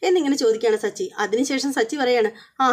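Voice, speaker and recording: Woman recapping a tv serial, high voice, lively storytelling. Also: fast. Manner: lively storytelling with acted-out dialogue. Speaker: serial review host. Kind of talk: episode recap narration.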